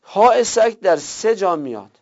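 Gravelly-voiced man teaching grammar, lo-fi. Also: sits high, very animated. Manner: reads Arabic text aloud then explains it in colloquial Persian. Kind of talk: seminary-style grammar lesson. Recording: dull lo-fi recording.

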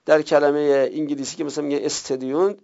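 Man, classroom grammar lesson, rough gravelly tone, muffled lo-fi recording. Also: on the high side, little pitch movement, a little mellow. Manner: reads Arabic text aloud then explains it in colloquial Persian. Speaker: teacher of Arabic grammar. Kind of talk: seminary-style grammar lesson. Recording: dull lo-fi recording.

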